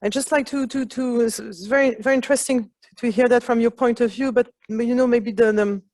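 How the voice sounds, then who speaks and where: A woman's voice: fairly high pitch, steady tone, brisk, darkish tone, no echo. A woman moderating a panel discussion, hesitant as she rephrases and affirms what guests say.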